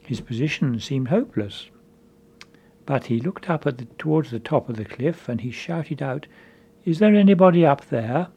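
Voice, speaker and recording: Husky, earnest male preacher. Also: mid-range voice, animated, normal speed, a little mellow. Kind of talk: spiritual conference talk.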